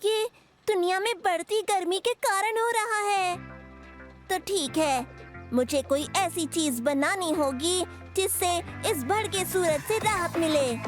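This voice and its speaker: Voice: very high voice, takes it slowly. An actor voicing Bucky, a boastful little boy bear cub who tinkers with inventions, in a Hindi cartoon dub, with a fussy, grumbling way of talking. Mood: determined. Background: children's music.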